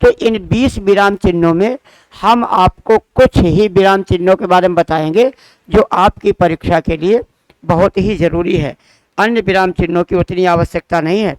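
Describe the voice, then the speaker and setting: A man with a fairly high, smooth and resonant voice teaches grammar to exam students. He speaks slowly and deliberately, repeating each example with careful pauses. The sound is dry and close, with no room echo. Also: darkish tone. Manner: quizzes listeners with questions he answers himself. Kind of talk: Hindi grammar lesson.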